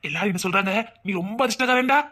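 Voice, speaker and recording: A woman's voice: medium pitch, very fast, pushed and bright. A woman with a Tirunelveli Tamil accent playing a doting young husband who fondly teases his wife. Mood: affectionate. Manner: fond, chatty, teasing.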